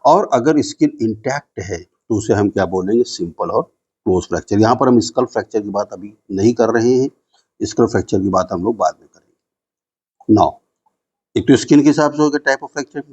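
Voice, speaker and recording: Mellow-voiced man teaching a lecture. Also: lowish voice, slightly rough, highs cut off. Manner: explains in Hindi, reads English definitions slowly, asks and answers his own questions. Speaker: nursing teacher. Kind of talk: classroom lecture.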